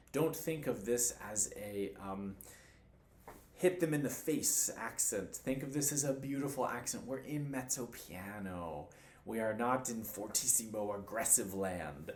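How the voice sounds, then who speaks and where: A man's voice: lowish voice, measured pace. A man teaching cello in a patient, encouraging way, counting beats aloud as he demonstrates. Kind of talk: instructional demonstration. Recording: roomy room with faint noise.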